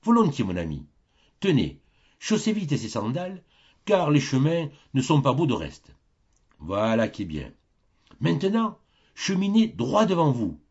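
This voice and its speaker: Un homme qui prête sa voix à un vieux saint bienveillant, gardien du paradis, au ton familier et serviable, dans un livre audio. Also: male voice, medium pitch, wildly swooping pitch, measured pace, long pauses, breathy edge, highs cut off, voice pushed up, heavily acted. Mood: reassuring. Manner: warm, familiar and obliging. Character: kindly old male saint, heaven's gatekeeper.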